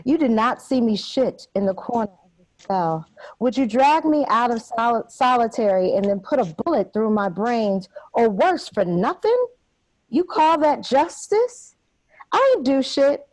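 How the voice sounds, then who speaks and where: A high-voiced woman delivers a dramatic spoken-word poem with fierce defiance, confronting an unseen officer. Her delivery swings from taunting to low and brooding. The sound is close and dry, with no room around it. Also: darkish tone, no echo, low-quality recording. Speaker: poet reading her work.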